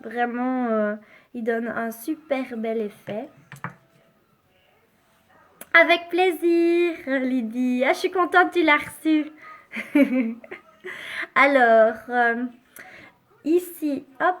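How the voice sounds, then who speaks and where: A woman with a high voice hosts a casual live makeup demonstration. She talks slowly and chattily, sprinkling in small interjections. Now and then she drops into soft, near-whispered asides as she applies the product. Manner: chatty, unhurried, full of fillers like "hein" and "hop". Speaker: makeup live-stream host.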